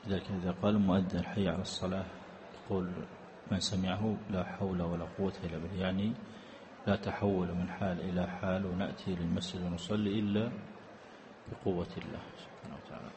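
A man giving a religious lesson in a large mosque, reading out questions and then explaining each one deliberately. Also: sits low, flat delivery, background noise. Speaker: mosque teacher answering questions.

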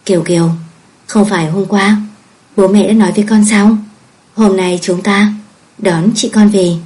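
A woman reading as a gentle, soothing mother. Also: medium pitch, steady tone, moderate pace, close to an everyday voice. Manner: soft coaxing reassurance.

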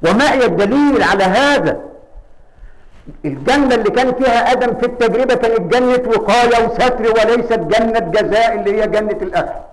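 A man's voice: extremely high pitch, fast talker, low-quality recording. A man preaching a mosque sermon in an Egyptian Arabic accent, asking rhetorical questions and answering them himself, building to emphatic peaks.

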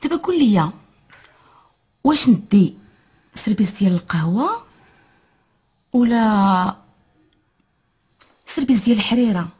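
A woman's voice: mid-range voice, expressive, a little slow, pauses often, a little mellow, husky. An actress playing a Moroccan wife who nags and complains to her husband in film dialogue. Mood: scolding. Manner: nagging, complaining. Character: nagging married woman, scolding her husband.

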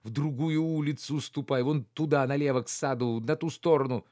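A man's voice: mid-range voice, steady tone, moderate pace, a little mellow, no room sound, clean studio sound, pitched above the performer's own voice, close to an everyday voice. A man reading the part of an agitated nobleman urgently ordering his servants about. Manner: urgent, pressing, commanding.

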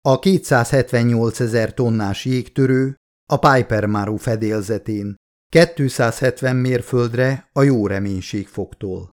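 In a mid-range voice, a male audiobook narrator reads a novel aloud with steady, measured storytelling.

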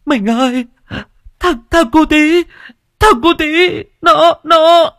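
A man voicing a grieving, hysterical village wife in a storybook, in a shrill falsetto that stammers through tears. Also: slow pace, fairly bright tone, no echo, studio quality, heavily acted. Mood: sobbing. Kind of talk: storybook narration.

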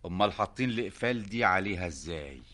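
A man's voice: deep voice, lively intonation, rapid-fire, pushed and bright. A man playing a headstrong, curious new sultan in a theatrical radio drama, with an Egyptian accent and an imperious, questioning manner. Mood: insistent, questioning.

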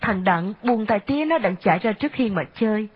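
A woman's voice: medium pitch, animated, brisk, breathy edge. Woman narrating a novel, lo-fi. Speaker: audiobook narrator. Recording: dull lo-fi audio.

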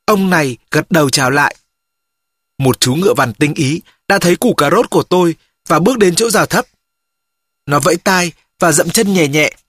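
Audiobook narrator, steady first-person reading, dry close booth sound. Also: medium pitch, moderate pace, slightly rough, dry recording.

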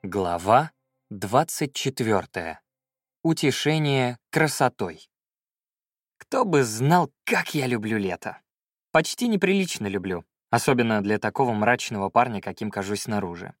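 Male audiobook reader, wry first-person narration, very lively pitch, dry close mic. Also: unhurried, dry recording. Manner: expressive, wry storytelling.

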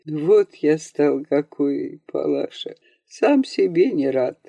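A reader voicing a crippled soldier father, slightly hoarse, quiet and weary. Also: mid-range voice, animated, slow, no room sound, heavily acted.

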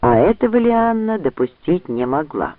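A man narrating an audiobook in an expressive reading style. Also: high-pitched, normal speed, dry recording. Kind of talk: scripted narration. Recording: dry, tinny phone-like sound.

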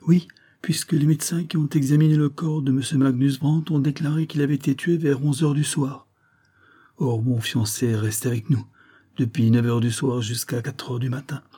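A man's voice: medium pitch, fairly even intonation, normal speed, warm tone, slightly rough, voice pushed up, lightly acted. A man reading aloud, voicing an anxious young woman who earnestly pleads for her fiancé. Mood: earnest pleading.

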